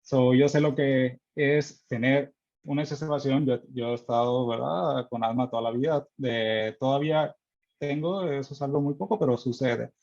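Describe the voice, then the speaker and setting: A man with a Mexican accent, an internist presenting in a friendly, relaxed way with many fillers. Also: medium pitch, moderate pace, creaky. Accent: Mexican Spanish. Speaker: internist and guest speaker. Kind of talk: online medical presentation. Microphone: video call. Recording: muffled video-call audio.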